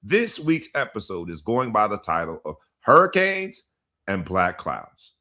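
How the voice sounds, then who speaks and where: A man's voice: fairly low pitch, huge pitch swings, a little slow, bright, forceful tone. A man hosting a sports talk podcast, hyping the intro with dramatic announcer-style delivery. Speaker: podcast host.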